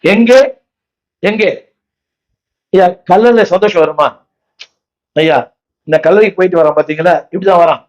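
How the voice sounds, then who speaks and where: A man's voice: sits high, moderate pace, long pauses, dull audio. A man with a Tamil accent preaching a sermon, repeatedly calling on his congregation to say the words aloud after him. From India. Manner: repetitive, exhorting, asks the crowd questions. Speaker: pastor. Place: church.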